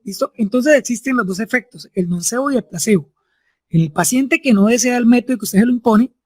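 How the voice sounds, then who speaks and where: This medical lecturer has a very high, somewhat dark voice, and there's no room sound. He teaches his class step by step, frequently checking with tag questions that the students are keeping up.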